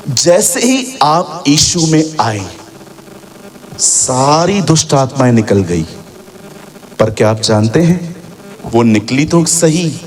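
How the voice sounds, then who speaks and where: Pastor guy preaching slow and loud in a church, bit of room noise behind him. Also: medium pitch. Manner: animated preaching, shouting for emphasis, mixing in English phrases. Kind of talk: sermon. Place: church hall with congregation.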